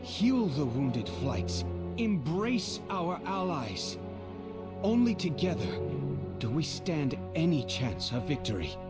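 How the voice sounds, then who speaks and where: A noble male dragon leader in a fantasy game. The speech is slow and stirring, with wide swings of pitch and loud music underneath. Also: sing-song. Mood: rallying, resolute. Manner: stirring, deliberate, formal.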